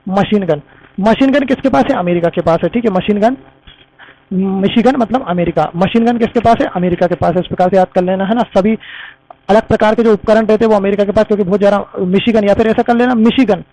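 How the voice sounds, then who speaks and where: Speaking fast in a high-pitched, warm voice, a man runs an exam-prep class full of repeated memory tricks, addressing his audience as friends. It's a low-quality recording.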